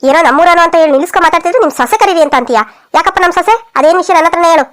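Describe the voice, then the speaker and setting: Woman voicing fast high-pitched quarrelsome village women. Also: fairly bright tone. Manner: quick, scolding, dramatic wailing. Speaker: voice actor for several cartoon women. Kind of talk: village comedy cartoon voicing.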